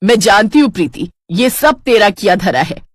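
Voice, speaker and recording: A woman voicing a sharp-tongued middle-aged mother-in-law in a storybook tale, scolding and vengeful. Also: medium pitch, very animated, normal speed, no echo. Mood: furious. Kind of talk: storybook character voice.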